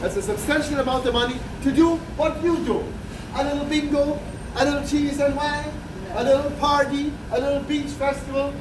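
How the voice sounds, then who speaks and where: Leading a group tour through a big indoor ship galley, a man talks in a very high, loud, carrying voice at a normal speed and steady tone, chatty and full of jokes. The recording comes from a distant camera among the crowd, giving echo and heavy background noise.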